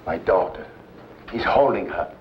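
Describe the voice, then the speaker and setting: Vintage film role: grave refugee scientist, low voice, formal and pleading, muffled noisy soundtrack. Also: male voice, lively intonation, a little slow. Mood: resigned. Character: sorrowful, captive refugee scientist, dying, resigned father. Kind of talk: vintage B-movie film acting.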